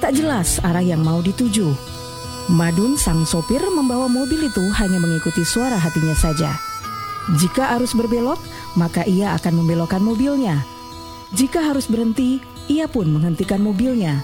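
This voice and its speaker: A woman narrating a scripted radio drama in a measured, literary storytelling manner. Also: medium pitch, animated, music in the background, close to an everyday voice.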